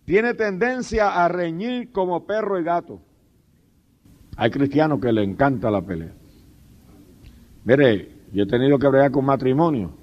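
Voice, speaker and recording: A man's voice: mid-range voice, animated, measured pace, long pauses. A man preaching a sermon as pastor, fervent and humorous, breaking in often with praise to God. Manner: humorous storytelling with laughs. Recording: dull lo-fi sermon tape.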